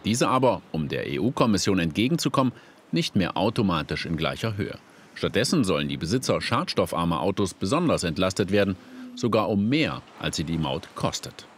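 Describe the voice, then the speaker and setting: A man reading a scripted news report as a voice-over, measured and clearly articulated. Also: sits low, sing-song, slight background noise.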